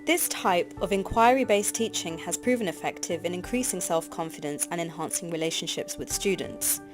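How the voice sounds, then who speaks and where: A woman with a fairly low voice reads scripted narration for a teacher training course, keeping her delivery even and measured. Music plays in the background.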